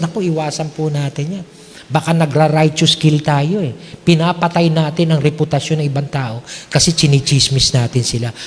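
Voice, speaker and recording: A male pastor delivers a sermon in a slightly high voice, his words ringing out with a long reverb in a church hall. He keeps it conversational, often checking in with his listeners, and slides easily between Tagalog and English.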